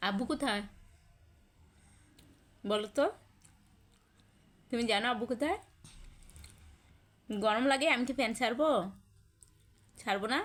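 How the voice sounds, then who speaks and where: A young mother talking casually in a home vlog, gently coaxing her sleepy daughter awake in a sing-song way and calling her name again and again. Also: a little high, a little slow, pauses often. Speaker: vlogger, mother.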